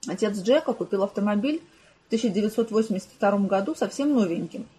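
A woman reads an audiobook in an even, measured storytelling manner. Her voice is mellow and dark. It has a soft husky grain. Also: medium pitch, rough recording. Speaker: audiobook narrator. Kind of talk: scripted narration.

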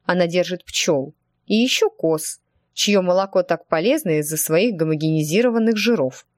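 A woman voicing a fussy, talkative middle-aged witch teacher in an audiobook, gently evasive in manner. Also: fairly low pitch, animated, normal speed, dry recording, clean studio sound, close to an everyday voice. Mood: chatty. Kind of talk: audiobook character voice.

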